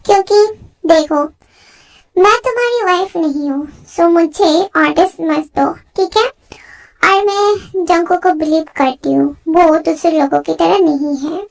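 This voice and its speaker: A woman's voice: very high voice, unhurried, gravelly, exaggerated voice, rough recording. Woman playing a headstrong young wife. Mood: defiant. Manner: blunt and defiant.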